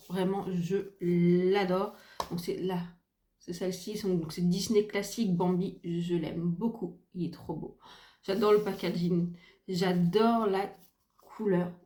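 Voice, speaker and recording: A woman's voice: mid-range voice, dark tone, echoey room. A middle-aged woman in casual makeup review chat, gushing and repeating herself with many fillers, filmed at home by a window. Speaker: beauty vlogger. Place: home room by a window, ring light. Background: faint sounds of kids gaming and neighbour's renovation.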